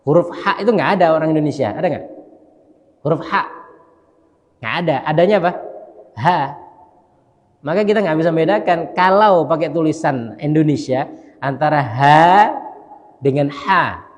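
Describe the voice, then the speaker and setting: A male mosque imam giving a casual dawn study lecture. He talks conversationally, often checks with listeners through tag questions, and slowly spells out Arabic letters. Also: fairly high pitch. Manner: conversational, keeps asking listeners "ya kan?". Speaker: mosque imam and religious teacher. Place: large mosque. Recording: long hall reverb in a mosque.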